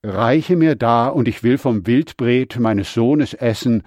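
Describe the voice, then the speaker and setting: A man voicing an old blind father who blesses his son in a solemn, measured scripture reading. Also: mid-range voice, a little mellow, dry recording.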